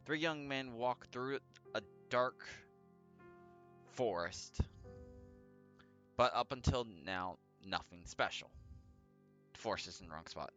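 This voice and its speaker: In a lo-fi recording with background music, a let's play host reads a visual novel aloud and chats casually about it, stumbling at times and correcting himself. He speaks slowly with long pauses, using a medium, slightly bright voice with lively intonation.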